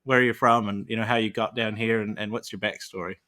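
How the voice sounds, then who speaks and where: A man's voice: fairly low pitch, steady tone, brisk, pushed and bright. A man from Canada hosting a podcast, upbeat and chatty in a loose, casual way. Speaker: podcast host.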